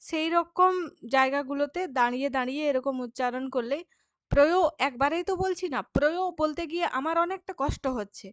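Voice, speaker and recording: A woman teaching a grammar lesson to school students, explaining patiently and sounding words out slowly, syllable by syllable. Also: high-pitched, a bit bright, no echo. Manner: frequent checking fillers to students.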